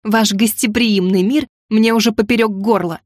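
A woman's voice: mid-range voice, steady tone, normal speed, no room sound, clean studio sound, natural voice. A woman voicing a fed-up young woman who answers sharply and defiantly.

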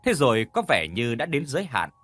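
A male storyteller narrates a horror tale in an expressive, dramatic way. His pitch moves lively up and down. Faint music plays underneath. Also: a little fast.

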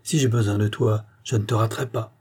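A man voicing a cocky, brisk actor-turned-detective who gives orders jauntily. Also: fairly low pitch, steady tone, darkish tone, breathy edge. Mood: jaunty.

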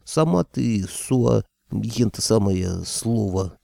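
A man's voice: on the low side, animated, slow pace, creaky, mellow, dry recording, studio quality, exaggerated voice. A man voicing a young female kikimora who is eager, boastful and cheeky. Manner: bowing, chattering, cheeky.

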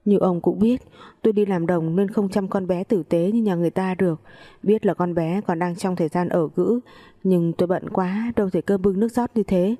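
A woman's voice: on the low side, fairly even intonation, moderate pace, warm tone, close to an everyday voice. A woman voicing a scheming mother-in-law in her late fifties who wails and pities herself tearfully. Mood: self-pitying. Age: 50s. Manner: tearful, self-pitying wailing.

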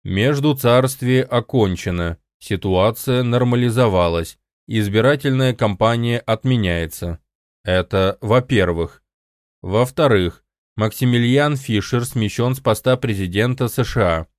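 A man voicing an emotionless government supercomputer in an audiobook, speaking flatly without modulation. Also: medium pitch, a little slow, no room sound, clean studio sound, natural voice. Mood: cold decree. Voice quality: flat, unmodulated. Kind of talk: audiobook reading.

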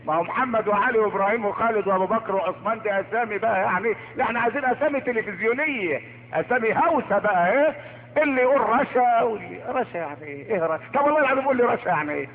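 A man's voice: high voice, expressive, very fast, in a large hall, a little hiss or hum. A man preaching a sermon with an Egyptian accent, mocking and theatrical, putting on voices for the people he describes. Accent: Egyptian Arabic. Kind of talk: Friday sermon. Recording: tinny old cassette recording.

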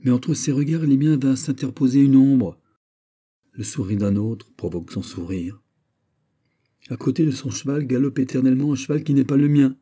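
A man's voice: mid-range voice, lively intonation, normal speed, dark tone, pitched above the performer's own voice, close to an everyday voice. A man voicing a lovesick, jealous young nobleman in an audiobook, speaking with impassioned pleading.

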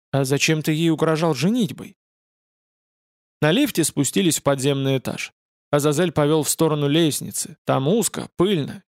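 A man narrating a science-fiction audiobook in an even, measured storytelling voice. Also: a little high, gravelly, no room sound, studio quality. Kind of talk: scripted narration.

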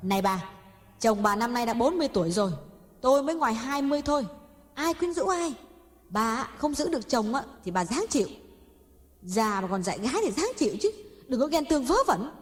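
A woman voicing a young mistress in her twenties who speaks calmly and politely with cold mockery, in an audio story. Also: on the high side, a little fast. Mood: cool mocking. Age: 20s. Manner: calm, polite, coldly mocking. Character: young mistress, cool and cutting. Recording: long hall reverb, faint music.

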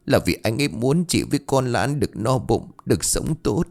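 A man voicing a gentle, consoling village woman. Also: medium pitch, animated, normal speed, creaky. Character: kind, sorrowful poor village woman.

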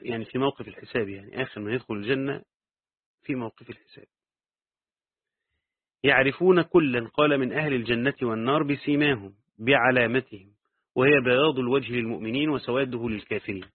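A man with an Egyptian accent teaching Quran commentary. He reads the text aloud and then adds quick asides in colloquial dialect. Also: mid-range voice, husky. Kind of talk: reading and explaining a tafsir text. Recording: dry, phone-like narrow sound.

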